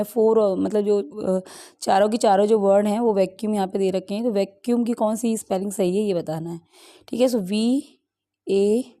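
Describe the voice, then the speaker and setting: Slow, mellow-voiced woman teaching English. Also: medium pitch. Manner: explains in Hindi mixed with English, reads options slowly. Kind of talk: exam practice lesson.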